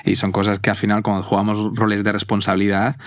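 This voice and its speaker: A man co-hosting a podcast, chatting casually and dropping quick agreeing remarks. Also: lowish voice, monotone, dry recording. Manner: quick agreeing interjections, often laughs. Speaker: podcast co-host.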